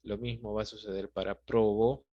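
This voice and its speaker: A male teacher with a Peruvian Spanish accent patiently works through a grammar lesson, frequently checking in with his students. His lowish voice keeps a level tone at a moderate pace. The recording is dry, with a dull lo-fi quality.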